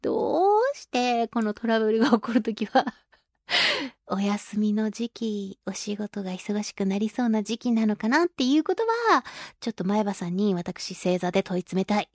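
A woman's voice: mid-range voice, normal speed, dry recording, clean studio sound. A woman hosting a casual radio show who chats playfully, laughs often and acts out the voices she quotes. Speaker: radio show host and children's singer. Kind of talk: casual radio chat reading listener mail themes.

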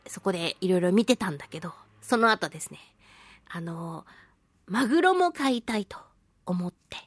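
With a fairly low, slightly breathy voice at normal speed, this woman hosts a talk radio show and works as a voice actress. She tells a personal story in an animated, chatty way, full of playful self-mockery, recorded without echo.

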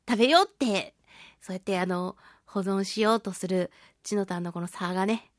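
Reading listener mail on her one-woman radio show, a woman with a medium-pitched, fairly bright voice giggles, chats and reacts aloud to what she reads. She gushes playfully and pleads in an exaggerated way, recorded cleanly in a studio with no room sound.

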